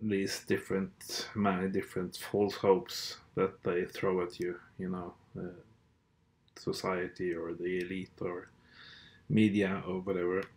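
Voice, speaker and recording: Speaking in a low, darkish voice with little variation in pitch, a man from Norway whose first language is Norwegian hosts a podcast at an unhurried pace. His casual monologue comes across as blunt, sardonic and hesitant, full of fillers and false starts, and the audio quality is poor.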